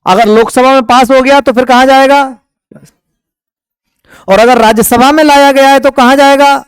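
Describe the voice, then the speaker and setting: Male teacher from India. High, smooth voice. Fires questions at the class and answers them himself. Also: steady tone, moderate pace, no echo, studio quality. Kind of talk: exam-prep lecture.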